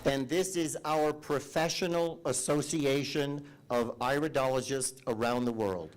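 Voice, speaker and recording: Slow-speaking American man lecturing over noise. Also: mid-range voice. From United States. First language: English. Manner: halting, playful, checks with listeners. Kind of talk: lecture with audience, switching between languages.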